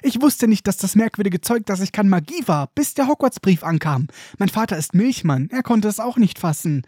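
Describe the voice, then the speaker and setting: Man putting on a squeaky little schoolboy, eager fan, babbling, husky edge. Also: lively intonation, fairly quick, darkish tone, dry recording, clean studio sound. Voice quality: piping, high.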